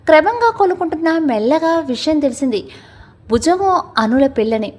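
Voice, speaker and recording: A woman's voice: high-pitched, expressive, normal speed, a little mellow. A woman narrating a family drama story from a script, reading every character's lines herself.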